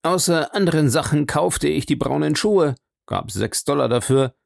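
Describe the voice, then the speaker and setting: A man's voice: fairly high pitch, expressive, moderate pace, creaky, dry recording, studio quality, pitched above the performer's own voice. A man reading an audiobook, voicing a plain-spoken, somewhat impatient young baronet who talks in a colloquial way. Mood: complaining. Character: blunt, outspoken young male baronet raised abroad.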